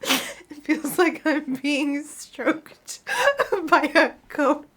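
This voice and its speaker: A young woman hosting a podcast, making wry, teasing comments with quick laughs. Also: high voice, fairly bright tone. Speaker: podcast host. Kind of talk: casual podcast chat.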